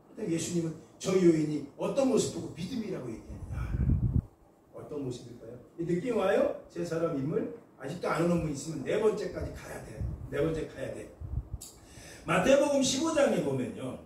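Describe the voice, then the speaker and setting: Lively male pastor in echoey hall. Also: fairly high pitch, a little fast. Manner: animated storytelling, acts out voices. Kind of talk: sermon. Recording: echoey hall from far off, faint noise.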